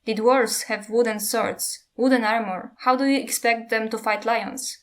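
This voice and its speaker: A woman's voice: a little high, fairly even intonation, moderate pace, natural voice. A woman reading as a stern young queen. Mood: firm.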